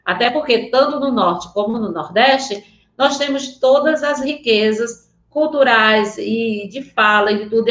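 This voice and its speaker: The teacher, a woman with a Northeastern Brazilian accent, runs an online Portuguese lesson with slides. Her voice is on the high side and a little bright, set in a reverberant space, and she talks sincerely, regularly making sure her students are following.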